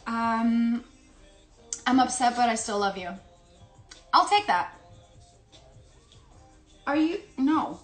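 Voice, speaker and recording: A woman's voice: a little high, lively intonation, slow, pauses often, echoey room, faint music behind. A young woman from South America whose first language is Spanish, chatting casually on a livestream while she eats. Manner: chatty, giggly, talks while eating. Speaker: Instagram live host. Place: home room with pet dog. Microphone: phone or laptop livestream.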